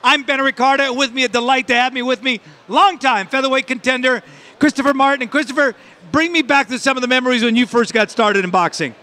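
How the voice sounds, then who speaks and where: A man hosting a boxing broadcast with energetic sports presenting. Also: very high-pitched, fast talker.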